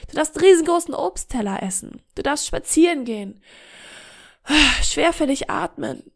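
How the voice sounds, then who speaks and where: A woman's voice: sits high, animated, fast. A woman hosting a podcast monologue, speaking straight to the listener in an encouraging, vivid way and acting out little scenes. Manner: warm, encouraging, direct address. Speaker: podcast host, coach.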